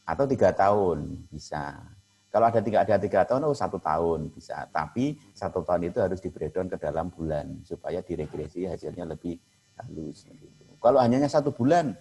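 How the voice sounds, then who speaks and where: Guy lecturing bapak ibu, real low voice, kinda husky, lots of uh and eh. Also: animated, brisk, warm tone, poor audio. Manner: addresses audience as Bapak dan Ibu, many fillers. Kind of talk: lecture on cooperative management.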